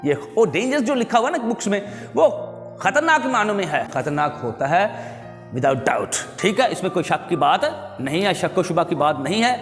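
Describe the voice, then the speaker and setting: High-voiced teacher in a reverberant hall. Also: male voice, big pitch swings, faint music behind. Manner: explains patiently, repeats words slowly for pronunciation. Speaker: English teacher. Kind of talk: recorded classroom lecture.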